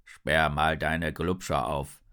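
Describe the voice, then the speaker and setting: A man voicing a big, grumbling sea turtle who talks slowly and lower than his own voice. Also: little pitch movement, bright, forceful tone, clean tone, exaggerated voice. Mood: grumpy. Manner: grumbling, slow.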